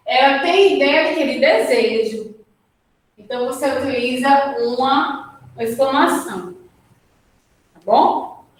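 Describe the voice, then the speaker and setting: Brazilian woman teacher, slow and patient delivery, keeps checking in with the class; far-off mic in a roomy classroom. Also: sits high, fairly bright tone. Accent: Brazilian Portuguese. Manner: patient, checks in with "certo?" and "tá?" after each point. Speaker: Portuguese grammar teacher. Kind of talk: remote lesson at a whiteboard. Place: classroom or studio with a whiteboard. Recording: very echoey room, mic at a distance.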